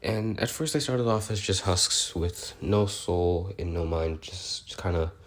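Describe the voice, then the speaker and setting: A low-pitched man speaks at a measured pace, playing an awkward, bookish, curious researcher who records species notes in an audio log. His semi-improvised, in-character explanation is hesitant, rambling and politely apologetic, with a curious, musing mood.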